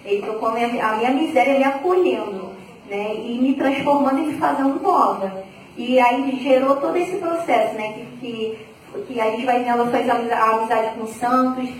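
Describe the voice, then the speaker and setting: A young woman giving a lively, chatty faith testimony, acting out her own past reactions. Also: on the high side, normal speed. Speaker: community member giving testimony. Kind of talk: personal faith testimony talk. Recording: very echoey, from far off, faint noise.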